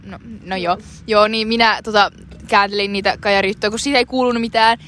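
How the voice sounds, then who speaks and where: A woman's voice: medium pitch, fairly even intonation, a bit bright, a little hiss or hum. A young woman co-hosting a casual chat, telling rambling, giggly stories full of fillers. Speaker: co-host.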